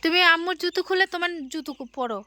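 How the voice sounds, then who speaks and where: A woman's voice: very high voice, racing, pushed and bright. A mother talking baby talk to her toddler, coaxing her with sing-song questions.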